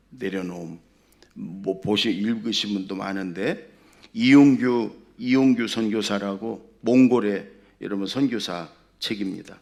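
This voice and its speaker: A male pastor delivers a Sunday sermon in a church. His voice sits at a middle pitch with a gravelly edge. He swings from loud, emphatic exhortation to soft, low storytelling. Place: church sanctuary.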